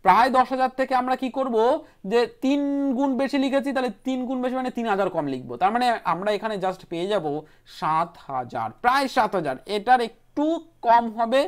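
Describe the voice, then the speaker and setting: Brisk woman teaching math step by step. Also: on the high side, lively intonation. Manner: brisk, repeats key steps and numbers aloud. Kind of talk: online exam-prep math lesson.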